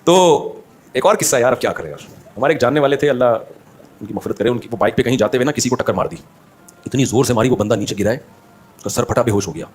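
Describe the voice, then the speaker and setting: A man tells funny stories during a religious talk, and he talks quickly. He slips into the voices of the people in his stories as he goes, and his pitch sits in the middle range. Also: husky. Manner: animated anecdote-telling, acting out the people in his stories. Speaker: Islamic scholar giving a talk. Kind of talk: humorous storytelling in a religious talk.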